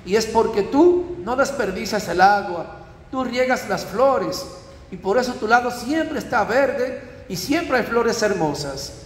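A man voicing a gentle, kind owner of a water jar, reassuring her tenderly in a parable. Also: high voice, expressive, a little slow, a little hiss or hum. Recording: echoey church hall.

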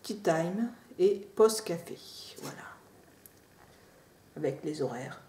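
A woman chatting casually through an unboxing, drifting into soft quiet asides. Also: lowish voice, expressive, slow. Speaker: unboxing vlogger. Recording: roomy echo, faint noise.

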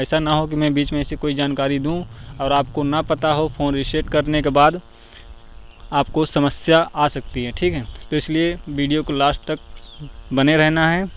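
A man's voice: on the high side, clean tone. A man hosting a phone tutorial, explaining each step steadily and checking in with "theek hai" as he goes. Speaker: tech tutorial host. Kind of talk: screen-recorded phone tutorial. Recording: dull lo-fi voice-over with faint noise.

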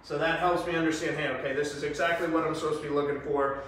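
A man's voice: fairly high pitch, fairly even intonation, fast, a bit bright, a little hiss or hum. A man in his thirties giving a casual, chatty demonstration of VR trade training, talking loosely with many fillers as he moves around. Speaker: sales presenter demonstrating VR training. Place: small carpeted-floor training room indoors. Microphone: far camera. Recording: echoey room, voice from a distance.

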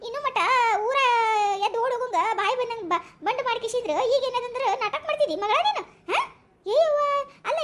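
A woman putting on a stubborn old village grandmother with a North Karnataka accent, shrill and very high, rattling off insults fast and coarse. Her scolding spills out quickly, with a faint hiss behind it. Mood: mocking. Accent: North Karnataka Kannada. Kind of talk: comic village sketch.

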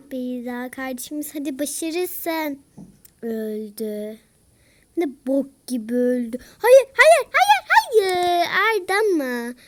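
A young girl with a stuffy nose from a cold, giving excitable commentary while playing a game, often shouting and groaning. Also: sits high, noisy background. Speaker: YouTuber. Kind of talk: gameplay commentary.

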